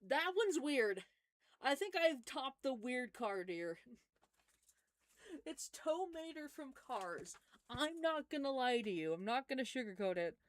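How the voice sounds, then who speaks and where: A woman's voice: high voice, lively intonation, unhurried, dry recording, clean studio sound. A young woman chatting casually on a live stream, answering chat in a rambling way with lots of fillers.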